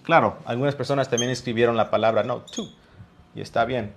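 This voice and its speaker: A man's voice: medium pitch, steady tone, fairly quick, vocal fry, slight background noise. A male English teacher with a Mexican Spanish accent, patiently explaining grammar in a live online class and drawing out his examples.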